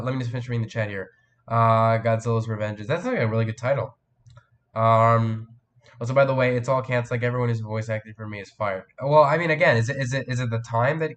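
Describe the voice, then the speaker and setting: Teenage boy with a cold, chatting. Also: mid-range voice. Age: teens. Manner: rambling, answers chat, many fillers and restarts. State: has a cold, voice cracks. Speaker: live stream host. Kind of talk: casual live stream chat.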